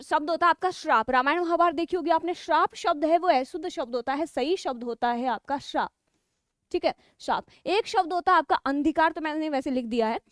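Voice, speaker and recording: High-voiced woman teaching spelling. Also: dry recording, studio quality. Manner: explains step by step, keeps checking with 'ठीक है'; slows down to spell out key words. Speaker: Hindi exam-prep teacher. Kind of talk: spelling lesson for exam students.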